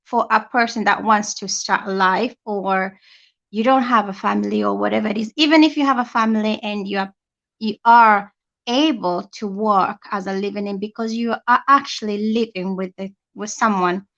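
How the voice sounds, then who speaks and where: A woman's voice: mid-range voice, steady tone, normal speed, fairly bright tone. Brief: woman from Tanzania, guest, chatty and plain-spoken, slightly muffled remote line. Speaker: guest, healthcare assistant. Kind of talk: casual interview.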